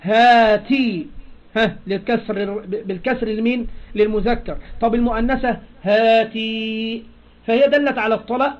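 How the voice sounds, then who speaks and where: A man with an Egyptian Arabic accent and a high-pitched voice delivers a grammar lesson at a moderate pace, his intonation fairly even. He goes step by step, prompting his listeners with questions so they supply the answers. The recording sounds lo-fi and dull.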